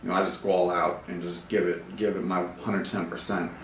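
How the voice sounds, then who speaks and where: A man's voice: deep voice, little pitch movement, fairly quick. A man, an actor, chatting as a podcast guest in a laid-back, rambling way, laughing often. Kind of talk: casual interview chat. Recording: roomy, distant mic with faint hiss.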